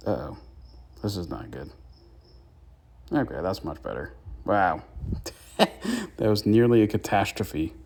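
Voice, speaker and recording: Man, low voice, young adult, chatty gameplay commentary, tips for viewers. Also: vocal fry, a little hiss or hum. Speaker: gaming YouTuber.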